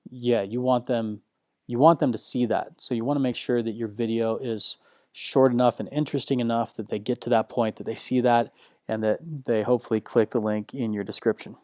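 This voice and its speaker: A man teaching a recorded online course in a slow, low-key, unanimated way, often restarting his sentences. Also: fairly even intonation, a little mellow, dry recording, clean studio sound. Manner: frequent restarts and filler words.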